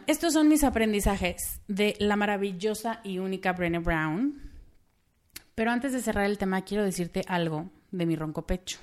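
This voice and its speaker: A woman's voice: mid-range voice, a little mellow. Earnest Mexican woman podcaster. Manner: earnest and direct, speaking straight to the listener. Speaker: podcast host. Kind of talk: solo podcast monologue.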